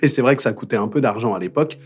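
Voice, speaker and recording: A man's voice: mid-range voice, expressive, very fast, slightly rough, faint music behind. A man in his forties from Paris, a theme-song singer chatting as a guest and telling stories with frequent laughter. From France, Paris. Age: 40s. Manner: chatty storyteller who laughs often. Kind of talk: casual chat.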